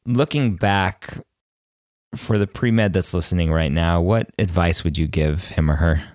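Male host, very low and smooth, dry close mic, upbeat and casual. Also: darkish tone, no echo. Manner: upbeat, quick to laugh, prompting questions. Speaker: podcast host. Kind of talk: casual interview hosting.

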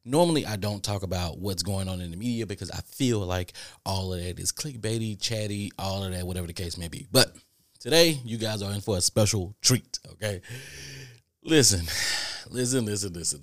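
A man's voice: sits low, fairly bright tone, dry recording. Chatty man hosting a podcast, dry sound. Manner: repeats "listen" often, chatty and emphatic. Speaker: podcast host. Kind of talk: casual podcast monologue.

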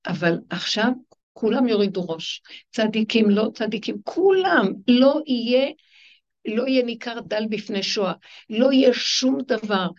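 A woman religious teacher giving a spiritual lecture to her class. She retells stories emphatically, acting out the people in them. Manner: emphatic, acts out the people in her stories with sudden high swings. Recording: dull lo-fi recording.

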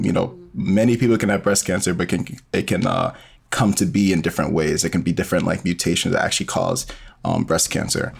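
With a low-pitched voice marked by vocal fry and a breathy edge, this male interview guest, a bioinformatics professional and storyteller, explains things informally and step by step, filling his talk with hesitations.

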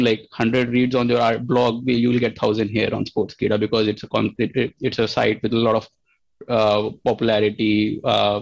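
A man's voice: medium pitch, creaky. A man, a company founder in an interview, explaining earnestly and often restarting his sentences. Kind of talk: casual interview answers. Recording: slightly dull lo-fi sound.

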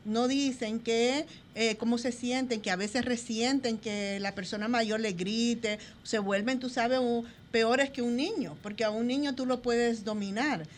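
A woman's voice: a little high, slight background noise. A woman behavior specialist explaining at length on a radio talk show, speaking directly to the listener.

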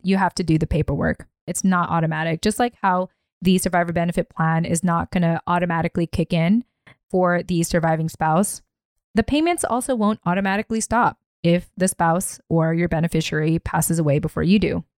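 A woman hosts a podcast alone, walking listeners through figures step by step. Her voice sits a little low, and she leans hard on key words with a dry edge of sarcasm. The sound is close and dry, with no room around it. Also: no room sound. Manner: deliberate, emphatic, occasionally sarcastic. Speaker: podcast host. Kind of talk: explanatory podcast monologue.

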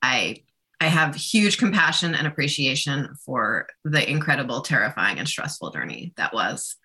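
Low bright-voiced woman, state rep, earnest and chatty, lots of "like"s. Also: lively intonation, normal speed. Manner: earnest, chatty, many "like" fillers. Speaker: state representative. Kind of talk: casual radio conversation.

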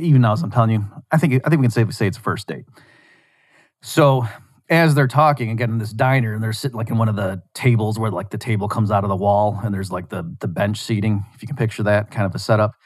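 A man hosting a show, casually retelling a scene from a show in a rambling, animated way with lots of restarts. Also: on the low side, no room sound, clean studio sound. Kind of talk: casual storytelling monologue.

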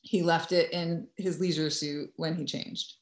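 A woman from New York telling a lively story in casual chat, acting out what others said. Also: sits low, a little slow. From United States. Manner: animated, acts out quoted voices. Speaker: guest. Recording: echoey room.

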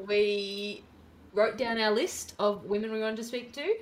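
A young woman co-hosting a podcast, chatting casually and upbeat with quick asides. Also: medium pitch, roomy sound, slight background noise. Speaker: podcast co-host.

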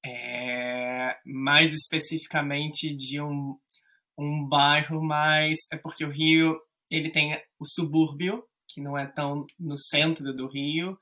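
A man from Rio de Janeiro with a Carioca accent, chatting as a guest in a relaxed, hesitant way with many fillers. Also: fairly high pitch, slow pace. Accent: Carioca Brazilian Portuguese. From Rio de Janeiro, Brazil. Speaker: guest, English teacher. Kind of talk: casual chat.

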